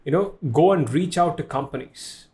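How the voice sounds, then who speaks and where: A man's voice: a little high, moderate pace, darkish tone. A man hosting a casual podcast with a mix of Indian and Western English in his accent. He rambles, repeats himself and laughs at his own jokes. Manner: rambling, self-deprecating, repeats words, laughs often. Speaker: podcast host.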